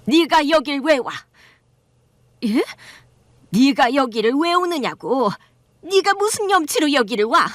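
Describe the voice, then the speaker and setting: A woman's voice: high voice, expressive, measured pace, pauses often, no room sound, voice pushed up. A woman voicing a spiteful old mother-in-law who screeches accusations in an audio drama story. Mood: accusing. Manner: screeching, hostile scolding.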